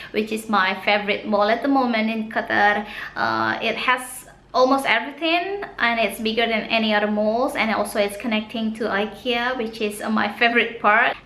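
A woman in her thirties from Indonesia, with an Indonesian accent and Sundanese as her first language, vlogs a casual shopping haul in a small indoor room. Her voice is on the high side, pushed and bright, with a roomy sound. She is chatty, laughs often, and gushes over products.

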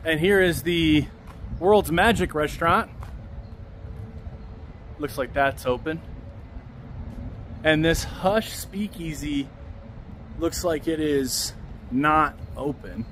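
Guy in his 30s walking a city street and chatting to camera, slightly high voice, faint traffic hum behind. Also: takes it slowly, pauses often. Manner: relaxed, musing aloud, points things out as he walks. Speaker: vlogger giving a walking tour. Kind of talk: casual walking-tour narration. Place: outdoors along a busy city street. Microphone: handheld camera mic with a front selfie view.

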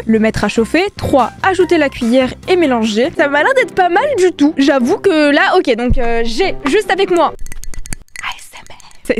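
A young woman reviewing products in a casual vlog, chatting playfully with slang and exaggerated sound effects. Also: sits high. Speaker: YouTuber.

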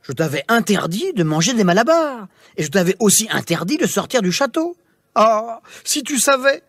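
A man's voice: high-pitched, steady tone, very fast, mellow, no echo, clean studio sound, voice pushed up, close to an everyday voice. A man voicing a frightened, hot-tempered king in a storybook reading, pleading and scolding in a raised voice. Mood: furious. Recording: music playing behind.

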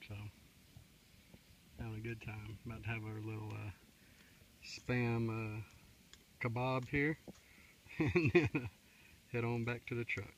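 A middle-aged man rambles easily about camp life, recorded on a handheld camera out in the woods. His voice sits at an ordinary pitch, and steady outdoor noise runs underneath. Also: unhurried, long pauses. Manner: folksy, rambling, drawling with many fillers. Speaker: outdoor survival vlogger. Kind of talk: casual outdoor vlog. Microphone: handheld camera at arm's length. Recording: outdoor camera mic, noisy.

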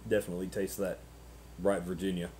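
A man in his thirties chatting casually and unscripted to camera as a vlogger, halting and ruminative, often repeating words, on noisy webcam audio. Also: sits low, level tone, darkish tone. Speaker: pipe-smoking vlogger.

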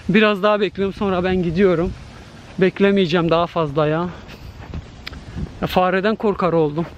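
A man's voice: high-pitched, steady tone, fairly quick, dull audio, a little hiss or hum. A man vlogging with a handheld camera in an empty park at night, nervous and talking straight to his viewers. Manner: nervous, talks to viewers directly. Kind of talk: night-time scare vlog to camera.

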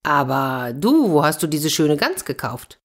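A woman's voice: low voice, very animated, unhurried, exaggerated voice. A woman voicing a boastful, cheerful male scissor grinder in a children's fairy tale reading, jovial and coaxing.

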